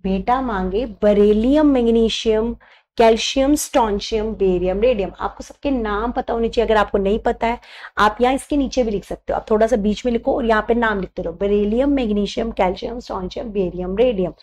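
A woman teaching a chemistry class, her voice sitting a little high. She dictates memory tricks slowly and repeats them, moving between Hindi and English terms. She checks in with her students again and again. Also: darkish tone. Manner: slow, repetitive dictation of mnemonics; checks in with "thik hai".

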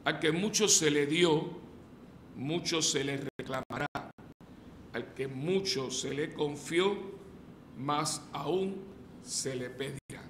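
A man's voice: a little high, slow. An older man, a priest, reading the Gospel and then giving a loose, conversational sermon at a lectern mic in a large church. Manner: conversational preaching with frequent restarts and fillers. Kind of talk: sermon at daily Mass. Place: large church with painted mural, indoors. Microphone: stand mic at lectern. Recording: echoey church hall with faint noise.

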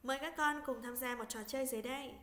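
A woman teaching English to young children, in a slow, patient lesson voice, breaking words into syllables in a sing-song way. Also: high-pitched, fairly even intonation, sharp tone, long reverb tail.

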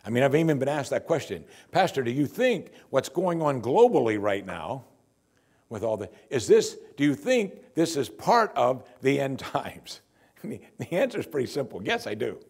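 An older man, a pastor, preaching a sermon from the pulpit of a church in a lively, conversational and wry way, on a lapel mic. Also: mid-range voice, normal speed, slightly rough.

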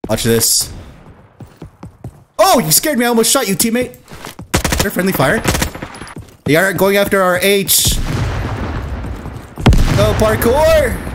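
Excitable man doing game commentary. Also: high-pitched, slow, pauses often, background noise. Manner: energetic, shouting during fights. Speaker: gaming YouTuber.

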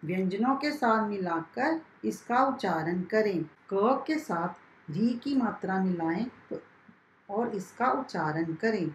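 A woman teacher giving a primary school lesson, spelling out each sound slowly and carefully for young pupils. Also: mid-range voice, lively intonation, slight background noise. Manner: slow, carefully spelled-out classroom instruction. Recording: echoey room.

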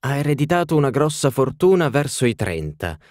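A man voicing a fussy little male palm reader who pronounces readings in a measured, ceremonious way. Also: mid-range voice, sing-song, darkish tone, dry recording, clean studio sound, pitched above the performer's own voice, close to an everyday voice. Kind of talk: audiobook reading.

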